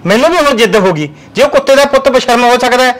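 An actor with a Malwa Punjabi accent plays a stubborn, hot-tempered village husband who hurls insults in a short film drama. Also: male voice, very high-pitched, expressive, fast talker, fairly bright tone.

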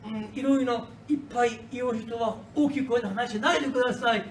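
A middle-aged man from Iran giving a prepared speech in halting, Japanese, often restarting his words. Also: extremely high pitch, fairly even intonation, a little hiss or hum. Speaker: foreign resident giving a speech. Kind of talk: prepared speech at a language class event. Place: hall or classroom. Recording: echoey room, mic from a distance.

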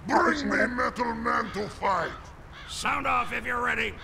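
A gruff military man bellows orders as a cartoon game soldier. His delivery is gravelly and drawn out, commanding throughout, over clearly noisy game sound. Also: extremely high pitch, measured pace, full character voice. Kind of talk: video game voice lines. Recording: game audio under noisy battle ambience.

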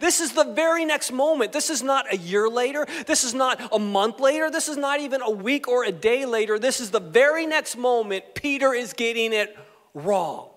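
A man, a pastor, giving an animated, playful, conversational sermon with asides to the congregation. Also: very high voice, moderate pace. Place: church sanctuary. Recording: long hall reverb in a church.

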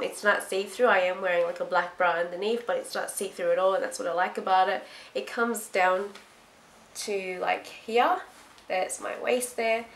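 A woman's voice: medium pitch, a bit bright. A young woman with a blocked-up nasal voice from a cold, chatting casually to camera as a fashion vlogger. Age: young adult. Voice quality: nasal, congested. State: sick with blocked nose and itchy throat. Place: small hard-walled room indoors. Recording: roomy echo, faint background noise.

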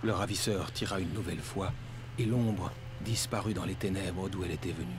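A man playing a brooding, anguished writer, speaking gravely in a scripted video game thriller. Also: low voice, brisk, background noise, natural voice. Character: brooding, anguished male writer narrating his own thriller.

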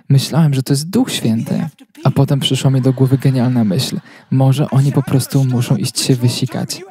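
A man reading a translated sermon as a voice-over, telling it as a steady story. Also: medium pitch.

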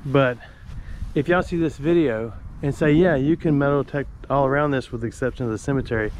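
Man, joking vlogger narrating outdoors on a camera mic, faint outdoor hiss, mid-pitched. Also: brisk. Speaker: explorer vlogger. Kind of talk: casual walking commentary. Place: outdoors in a rural churchyard cemetery. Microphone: camera mic while walking.

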